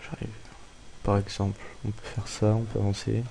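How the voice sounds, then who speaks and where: Gravelly low man giving a tutorial. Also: completely flat delivery, moderate pace, noisy background. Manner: thinks aloud while clicking, talks straight to viewers. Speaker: tutorial maker. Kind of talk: casual screen-recorded software tutorial.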